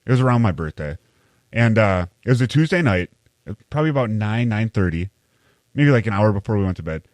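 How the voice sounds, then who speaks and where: Low, dry-voiced male podcast host. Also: lively intonation, fairly quick, darkish tone, dry recording. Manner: rambling, with loose fillers and swearing. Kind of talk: casual storytelling chat.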